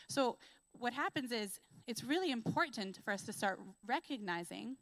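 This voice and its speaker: A woman preaching a sermon in a conversational, earnest way, full of casual fillers, who slows down and builds emphasis when she reads scripture. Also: medium pitch, a bit bright, dry recording, low-quality recording. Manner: reads scripture aloud with slow, rising emphasis. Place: church.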